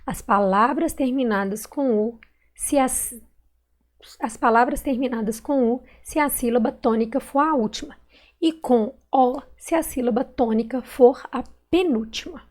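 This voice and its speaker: Slow, patient high-voiced woman teacher. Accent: Brazilian Portuguese, Minas Gerais. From Brazil. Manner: slow and patient, stretching out words and syllables. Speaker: primary school teacher. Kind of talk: recorded online class correcting exercises.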